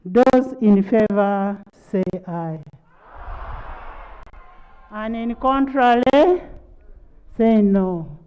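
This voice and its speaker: A parliamentary speaker with a Ugandan accent, formally chairing debate in an authoritative, deliberate manner. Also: mid-range voice, darkish tone, smooth, muffled recording. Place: large parliament chamber.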